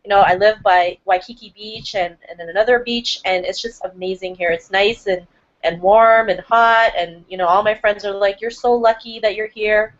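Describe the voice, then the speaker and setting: A woman from Toronto speaks as a guest on a video call, upbeat and motivational as she introduces herself. Her voice sits at an ordinary pitch. The call audio is dull and lo-fi. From Toronto, Canada. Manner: upbeat, motivational, laughs often. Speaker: panel guest. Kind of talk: casual self-introduction.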